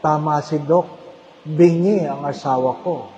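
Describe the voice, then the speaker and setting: A man's voice: on the high side, unhurried, dark tone, muffled recording, voice pushed down, lightly acted. A man voicing a bewildered middle-aged husband who mutters to himself, recorded in a church with long reverb. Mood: puzzled.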